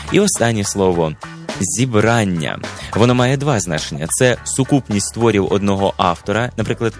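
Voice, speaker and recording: A man presenting an educational program, reading a scripted lesson in a measured, instructive manner and slowing down on key words. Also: lowish voice. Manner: measured, didactic, stretches words slowly for emphasis. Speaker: presenter of a language and etiquette program.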